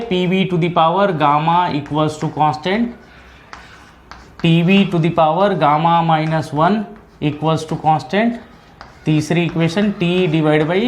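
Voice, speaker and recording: A man with a fairly high voice teaches an engineering class in an unhurried lecture style. He reads the problem text out slowly, then adds quick asides and keeps checking in with his students. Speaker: engineering tutor. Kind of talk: whiteboard lecture.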